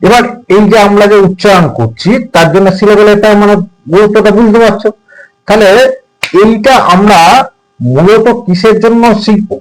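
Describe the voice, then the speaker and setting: Guy with a high voice giving a lesson, patient, keeps repeating and quizzing you. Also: fairly even intonation, normal speed, low-quality recording. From Bengal. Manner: patient, repetitive, quizzing the listener. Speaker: English teacher. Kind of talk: lesson explaining syllables.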